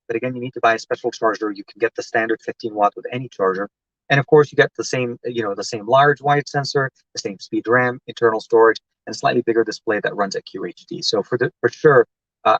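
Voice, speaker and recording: A man's voice: mid-range voice, a bit bright, no echo, lo-fi sound. A man from Lebanon hosting a casual tech live stream from inside a parked car, rambling and chatty with lots of fillers as he answers viewer comments.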